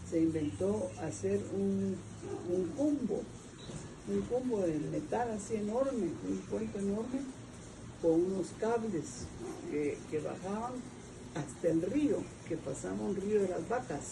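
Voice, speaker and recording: Older woman, Guatemalan accent, gravelly, rambling storyteller, distant mic, noisy with cooing pigeons. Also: medium pitch, lively intonation, a little slow. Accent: Guatemalan Spanish. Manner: rambling storyteller, restarts and hunts for names. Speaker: family elder interviewed about family history. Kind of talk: oral history interview.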